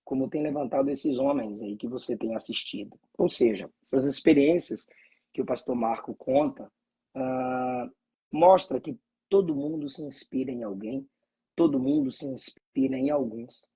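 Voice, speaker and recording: A man's voice: mid-range voice, big pitch swings, moderate pace, vocal fry, mellow, breathy edge, rough recording. A man from Bahia, a pastor, speaking with fervent preacherly cadence and frequent hallelujahs. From Bahia, Brazil. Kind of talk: conversation and preaching reflection.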